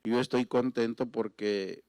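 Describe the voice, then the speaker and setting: A middle-aged man from Mexico, preaching with emotional storytelling that swings from loud exclamations to near-whispers. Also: mid-range voice, fairly even intonation, unhurried, no echo, clean studio sound. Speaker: pastor.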